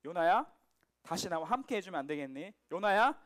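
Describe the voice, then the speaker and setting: A man voicing God as a gentle, fatherly figure who pleads with Jonah in soft questions. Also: sits high, brisk, clean tone. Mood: pleading, tender.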